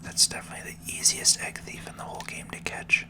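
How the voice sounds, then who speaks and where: Soft and breathy, the host's whisper soothes as they offer unhurried, gentle ASMR narration during a video game playthrough.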